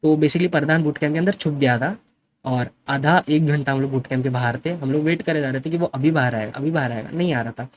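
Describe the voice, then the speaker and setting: A man's voice: on the high side, brisk, slight background noise. A man defensively telling his side of a story in a casual vlog, often repeating himself and switching into English. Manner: defensive, insistent, mixes English into his speech. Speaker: gaming streamer.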